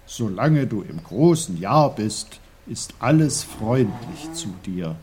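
A man's voice: medium pitch, takes it slowly, slight background noise. A man doing a stern, wise old uncle. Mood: calm firm. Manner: calm, firm, explaining.

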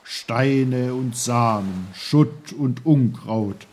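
Man playing Onkel Pfefferkorn, a gruff tiny schoolmaster. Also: medium pitch, very slow, a little mellow. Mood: lecturing. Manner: gruff, lecturing.

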